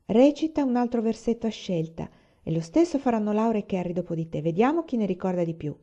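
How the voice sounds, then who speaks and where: Mamma, a firm and practical pioneer mother, as a woman reads her lines from a storybook. She speaks calmly and steadily in a warm, mellow voice. The sound is a little dull. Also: medium pitch, fast talker, natural voice. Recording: slightly dull lo-fi recording.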